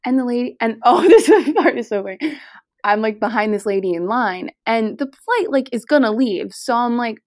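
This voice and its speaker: A woman's voice: fairly high pitch, normal speed, dry recording, studio quality. Chatty young woman telling a story. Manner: chatty, animated, lots of "like", acts out quoted voices. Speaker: podcast co-host. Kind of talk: casual chat, storytelling.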